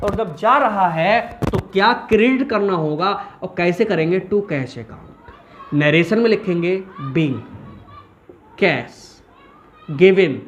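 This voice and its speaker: A male commerce teacher talks through a lesson in a lively, chatty way. He keeps asking his students questions and answering them himself. A faint hiss sits under his voice. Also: sits high, slow, highs cut off, a faint crowd. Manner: animated, asks and answers his own questions. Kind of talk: informal recorded lesson.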